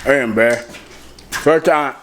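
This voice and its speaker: A man's voice: mid-range voice, slow pace. A man chatting casually with friends in short, slangy interjections. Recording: noisy echoey room with clicks.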